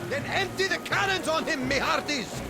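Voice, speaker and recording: An actor playing a haughty, menacing pirate captain with pompous, theatrical delivery in a video game. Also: male voice, extremely high pitch, normal speed, gravelly. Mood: commanding. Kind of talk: video game cartoon acting. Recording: loud game music over voice.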